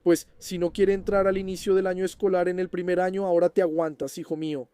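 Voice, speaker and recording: A man's voice: high-pitched, level tone, fast, warm tone, smooth, no room sound. A man hosting a fan channel, casually answering viewer questions and checking in with the listener as he explains. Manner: chatty, keeps checking in with the listener.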